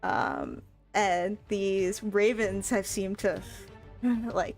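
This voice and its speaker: A woman running a tabletop roleplaying game as dungeon master, unhurried and laughing often. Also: mid-range voice, big pitch swings, gravelly, a little mellow, soft background music.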